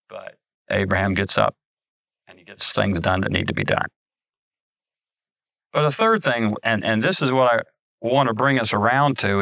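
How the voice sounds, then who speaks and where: Gravelly-voiced man preaching a sermon. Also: fairly low pitch, bright, forceful tone, dry recording. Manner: conversational preaching with frequent restarts and asides. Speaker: pastor.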